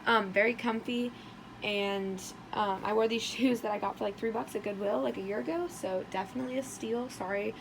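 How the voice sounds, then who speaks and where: A young American woman chatting casually in a vlog with bubbly sorority-girl energy, her voice hoarse as if she is losing it. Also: a little high, steady tone, brisk, noisy background. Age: young adult. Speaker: vlogger.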